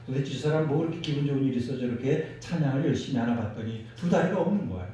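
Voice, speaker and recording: A man preaching a sermon as pastor, animated and leading the congregation in responses. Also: medium pitch, racing, distant mic. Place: church sanctuary. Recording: echoey church hall, mic from afar.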